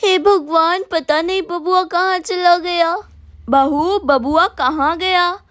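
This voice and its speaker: A woman's voice: very high-pitched, fairly even intonation, takes it slowly, fairly bright tone, dry recording, clean studio sound, exaggerated voice. A woman voicing a strict, fretful old grandmother who scolds her family. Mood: scolding. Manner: scolding, bossy.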